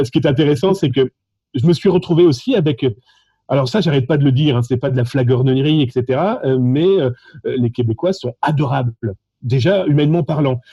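Lively French man, lo-fi sound. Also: on the high side, husky, no echo. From France. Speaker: social engineering contest participant. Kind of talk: animated conversational storytelling.

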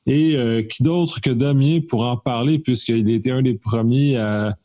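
A man hosting a talk show, introducing the topic and his guest with brief, halting questions. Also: medium pitch, mellow. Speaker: host.

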